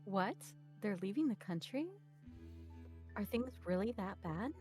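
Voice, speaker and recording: Sleepy worried partner, voiced by a woman, soft drowsy delivery, mid pitch, faint music. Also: lively intonation, measured pace, lightly acted. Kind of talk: reading game dialogue aloud.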